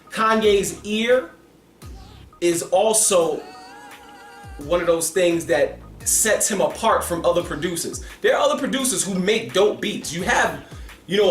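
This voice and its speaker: A man giving a casual, animated album review, talking emphatically and with his hands. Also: sits high, echoey room. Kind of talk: casual commentary.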